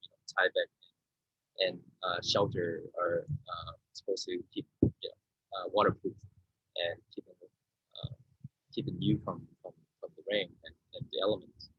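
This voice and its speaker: A Vietnamese artist in his 30s speaks informally about his own artwork over a video call from an indoor room. His low, husky voice is level and normal in speed, but he hesitates and pauses often, searching for words. The video-call microphone yields muffled, roomy audio.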